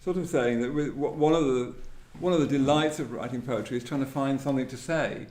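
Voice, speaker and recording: At a live poetry event in an echoey indoor space, a male host talks at medium pitch, fairly quickly, with a slightly mellow sound. His reflective comments on literature come in hesitant, thoughtful phrases frequently capped with a questioning tag, amid roomy echo and faint noise.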